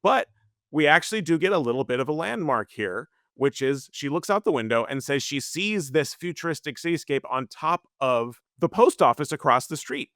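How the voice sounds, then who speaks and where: A man co-hosting a book-club podcast, talking in a measured, explanatory way. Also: on the high side, animated, fairly bright tone, no room sound, studio quality. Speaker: podcast co-host.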